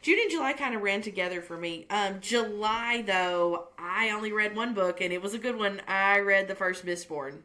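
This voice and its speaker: A woman co-hosts a casual book podcast, gushing with enthusiasm and chatting with lots of "um"s and other fillers. Her medium-pitched voice is pushed and bright, moving at a moderate pace with few pauses.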